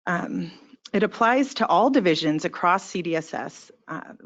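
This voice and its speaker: Woman, training presenter: lowish voice, hesitant and full of fillers, on a muffled, lo-fi recording. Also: animated, moderate pace. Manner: hesitant, with frequent "um" and "uh". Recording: dull lo-fi recording.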